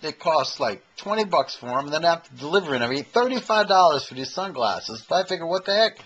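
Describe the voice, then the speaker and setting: Talking fast into a handheld camcorder in his own room, a man in his fifties, an amateur comedian and impersonator, does a rambling, self-mocking comedy monologue. His voice is fairly high, a bit bright and slightly rough, with lively intonation. The recording has its highs cut off.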